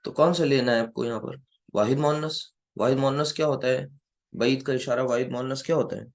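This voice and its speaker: A man giving a classroom grammar lecture who keeps quizzing his students and slowly repeats key words. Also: mid-range voice, fairly even intonation. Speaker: Arabic grammar teacher.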